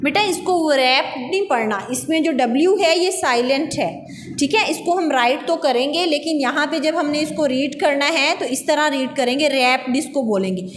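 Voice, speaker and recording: Woman, Pakistani accent, high voice, slow patient classroom dictation, echoey room, faint hiss. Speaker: school English teacher. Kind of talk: classroom lecture to children.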